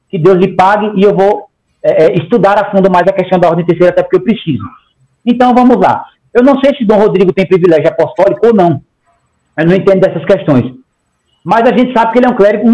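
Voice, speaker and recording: The recording is low quality, captured on a video-call headset in a home room. A man around forty, appearing as an interview guest, talks in a high-sitting, warm voice. He speaks emphatically in long stretches, gesturing a lot and saying "tá?" again and again.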